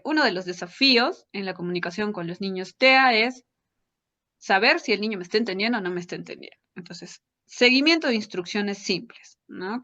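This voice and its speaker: This psychology lecturer has a medium-pitched, pushed, bright voice. She walks through her academic lecture step by step, checking in with listeners through short tag questions, and the audio is dull and lo-fi.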